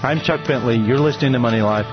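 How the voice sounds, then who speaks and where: A man's voice: medium pitch, fast talker, dull audio, loud music behind the voice. A man hosting a radio show, teaching from the Bible in an earnest, emphatic preaching style, lifting his voice to stress a point.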